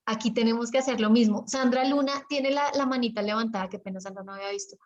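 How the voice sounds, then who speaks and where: Colombian woman, business coach on a video call, animated, raised pitch, dull lo-fi audio. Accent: Colombian Spanish. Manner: chatty and animated, acts out examples with pauses and lowered tone. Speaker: business coach leading an online workshop.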